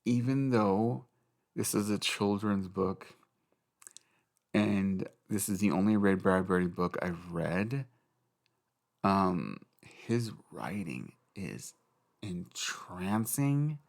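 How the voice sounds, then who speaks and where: A man's voice: low voice, fairly even intonation, takes it slowly, creaky, pauses often. A young man hosting a casual solo podcast, rambling and giggly, swearing freely. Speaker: podcast host.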